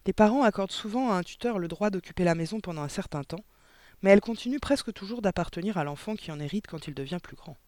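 A man reading a storybook aloud, voicing a gentle, timid young woman schoolteacher who speaks softly and earnestly. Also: sits high, animated, fast, dry recording, pitched above the performer's own voice.

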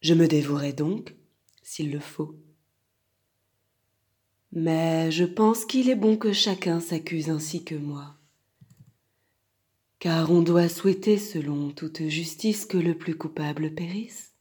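A woman voicing a proud male lion king who speaks in a low, hushed, half-whispered way. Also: slow pace, long pauses, slightly rough, heavily acted. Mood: grave.

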